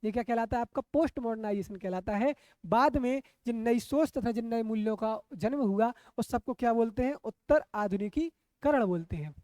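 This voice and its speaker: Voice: mid-range voice, normal speed, mellow, no room sound. A coaching teacher giving an exam-prep lecture, often asking the class rhetorical questions, checking that they follow and repeating key terms.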